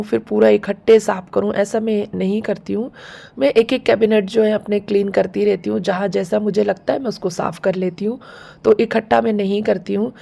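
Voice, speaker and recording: A woman with a sore, hoarse throat chatting casually through a home vlog, explaining things step by step. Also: mid-range voice, warm tone. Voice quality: gravelly, husky. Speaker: home vlogger.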